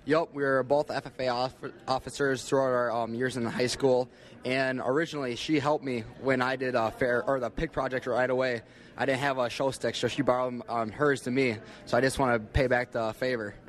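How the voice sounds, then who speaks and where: A young American man giving casual, halting, plain-spoken answers as an interview guest. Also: medium pitch, fairly even intonation. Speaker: interview guest, livestock exhibitor.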